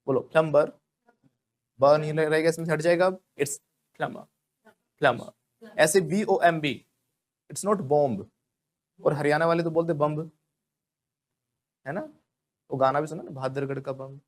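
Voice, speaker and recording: Indian man drilling English pronunciation. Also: on the high side. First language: Hindi. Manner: drills words by repetition, often asks the class to repeat. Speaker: spoken English teacher. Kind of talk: classroom pronunciation lesson.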